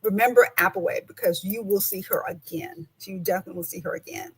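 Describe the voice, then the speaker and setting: A woman's voice: medium pitch, fast talker, slightly rough, low-quality recording. Chatty woman hosting a live interview. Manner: chatty, lots of restarts and laughter. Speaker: host. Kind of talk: casual livestream interview.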